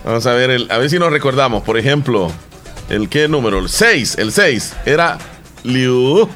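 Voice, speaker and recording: A man's voice: medium pitch, lively intonation, normal speed, a bit bright. Male co-host, easygoing and joking, light music bed. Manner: playful, laughs at himself. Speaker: radio show host. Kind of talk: casual chat show.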